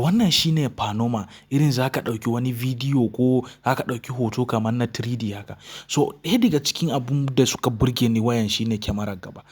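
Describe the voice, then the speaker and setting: A male tech reviewer with a Nigerian Hausa accent. He presents an unboxing as a channel host, walking viewers through a product. His voice sits at a middle pitch. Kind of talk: phone unboxing and review narration.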